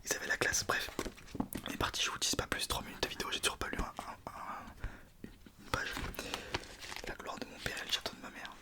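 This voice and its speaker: A man reading in a soft ASMR whisper, informal, sometimes stumbling over words and correcting himself. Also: fairly quick, pauses often. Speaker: ASMR video creator. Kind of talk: whispered ASMR book reading with casual asides.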